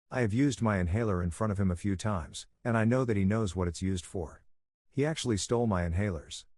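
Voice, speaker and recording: Low-voiced man reading a forum story. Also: a little mellow, dry recording, clean studio sound. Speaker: storytime narrator.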